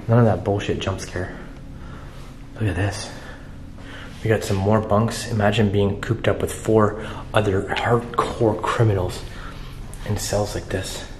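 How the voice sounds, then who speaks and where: A man's voice: on the low side, slight background noise. A man in his thirties talking casually and nervously to a handheld camera as he explores, exclaiming and reacting aloud to what he finds. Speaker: vlogger exploring a haunted jail. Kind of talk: casual first-person exploration vlog. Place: empty old jail cells and corridors, indoors. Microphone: handheld camera at arm's length. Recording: echoey bare rooms with music underneath. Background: music.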